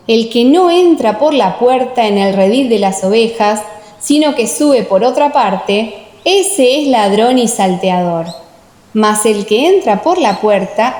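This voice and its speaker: A woman narrates a dramatized scripture audiobook in a solemn, measured and carefully enunciated manner. Her voice is on the high side with a darkish tone, and the recording echoes with long, heavy reverb.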